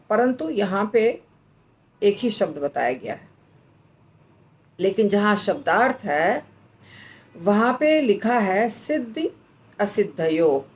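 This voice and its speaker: A woman teaching how to pronounce and recite a verse, explaining slowly and patiently and chanting the lines. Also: mid-range voice, a little mellow. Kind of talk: slow recitation lesson.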